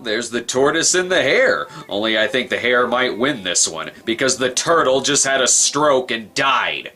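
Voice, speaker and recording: Sarcastic man with a bright voice. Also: medium pitch, normal speed. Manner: sarcastic, crude, deadpan mockery. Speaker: film reviewer. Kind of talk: sarcastic comedic commentary.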